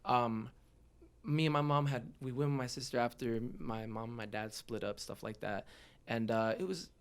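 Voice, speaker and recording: Smooth and medium-pitched, this young man talks at a moderate pace. He hails from the Los Angeles area, carries a Southern California accent, and chats openly and casually about his own experiences as a podcast guest, dropping plenty of slang.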